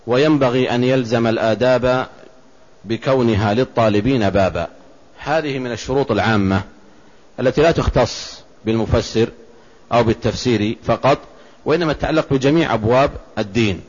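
A man giving a measured religious lesson, explaining a text line by line and reciting verses and quotations. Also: medium pitch, dull audio. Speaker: Islamic scholar teaching a text.

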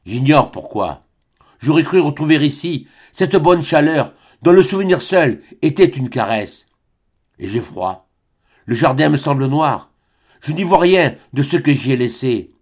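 A man doing a weary young lover, calm and even. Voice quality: even, subdued, low voice. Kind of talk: audiobook character reading.

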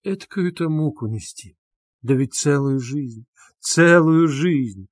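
A man's voice: on the high side, slow, no room sound, clean studio sound. A man voicing a desperate young woman who pleads with raised, insistent voice in an audiobook. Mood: despairing. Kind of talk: audiobook character reading.

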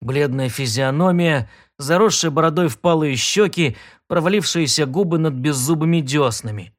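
A male audiobook narrator with a slightly high voice. He reads steadily, with even pacing. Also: normal speed. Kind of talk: scripted narration.

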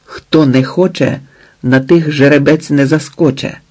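A man's voice: on the high side, fairly even intonation, a little slow. A man doing a furious jealous husband. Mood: mocking, accusing. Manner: shouting, coarse, accusing.

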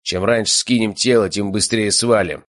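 A man's voice: fairly low pitch, steady tone, normal speed, a bit bright, no room sound, studio quality, close to an everyday voice. A man voicing a callous, menacing young male gang leader who growls and hisses his orders in an audiobook. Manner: growling, hissing.

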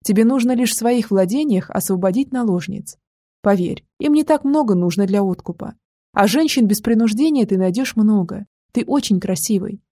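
A woman voicing a grieving mother who pleads softly and earnestly with her grown son, in an audiobook. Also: medium pitch, moderate pace, dry recording, clean studio sound, natural voice. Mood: pleading.

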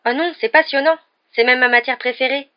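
Prim brainy schoolgirl witch, earnest and lifted pitch , woman reader doing her, lo-fi-ish sound. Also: fairly even intonation, fairly quick, close to an everyday voice. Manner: earnest, slightly indignant. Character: studious teenage girl witch, earnest and prim.

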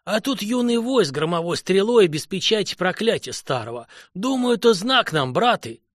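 A man voicing a wise old male Cossack elder who speaks slowly and gravely, with heavy sighs. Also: high voice, sing-song, dry recording, clean studio sound, voice pushed up. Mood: solemn. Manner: slow, grave, sighing.

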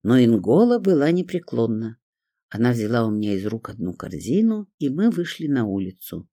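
A man narrating a fantasy audiobook in an expressive storytelling manner. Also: medium pitch, moderate pace, dry recording, studio quality.

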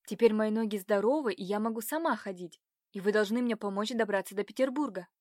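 A naive eighteen-year-old noble girl, bright and eager when she speaks, as a woman reading the story voices her. Her voice sits at a middle pitch. The sound is close and dry. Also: fast talker, no room sound, lightly acted. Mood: pleading, indignant.

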